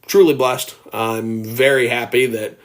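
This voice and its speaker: With a medium-pitched voice, a steady tone, and a measured pace, an early-twenties man hosts a casual livestream indoors at home on a phone. He speaks earnestly and at length and reads viewer comments aloud, his voice becoming gravelly at times.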